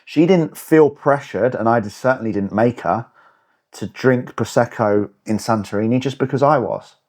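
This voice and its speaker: This fitness and lifestyle coach in his forties delivers a motivational monologue on his own podcast. His voice sits at medium pitch with a darkish tone and moderate pace, and he speaks bluntly and emphatically, using profanity for emphasis.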